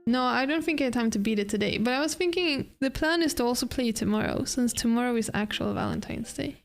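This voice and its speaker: Gravelly-voiced woman streaming a game. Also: on the high side, animated, fast talker. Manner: blunt, swears, laughs. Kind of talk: casual game commentary. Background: faint game music.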